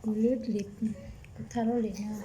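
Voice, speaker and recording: A woman's voice: a little high, flat delivery, moderate pace, mellow, a little hiss or hum, low-quality recording. A woman vlogger talking casually in a chatty way to someone nearby. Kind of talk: casual chat.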